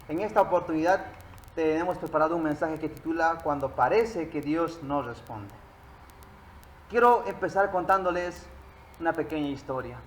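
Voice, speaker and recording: A man's voice: on the high side, echoey room, slight background noise, poor audio. A man preaching a sermon, addressing his listeners and telling them a story.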